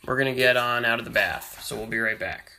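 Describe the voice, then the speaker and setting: A man's voice: medium pitch, a little fast, creaky. A man hosting a homemade show, chatting casually and playfully with a small child during bath time and announcing breaks like a show host. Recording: noisy home bathroom recording with water sounds.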